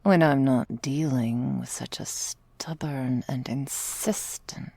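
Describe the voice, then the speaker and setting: Playing a drowsy, clingy, affectionate ancient vampire girlfriend, a woman whispers softly and breathily into a close, dry microphone for ASMR. She takes her time in an extremely low, full character voice, teasing languidly with formal, old-world phrases. Her tone is wry and teasing.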